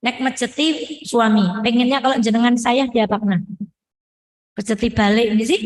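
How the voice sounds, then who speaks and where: A woman preacher giving a lively sermon to women, quizzing her audience and playfully acting out quoted prayers and dialogue. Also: on the high side, low-quality recording.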